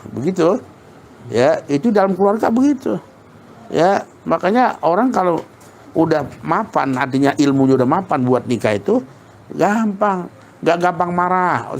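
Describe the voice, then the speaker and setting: A man giving a casual religious lesson, colloquial and lively, repeating points for emphasis. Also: on the high side, a little hiss or hum. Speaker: Islamic preacher.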